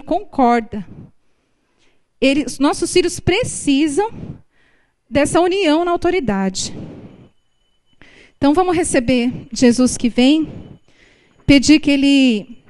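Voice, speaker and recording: A woman's voice: sits high, darkish tone. A woman with a Brazilian Portuguese accent giving a sermon at a prayer group, speaking conversationally and acting out family dialogues.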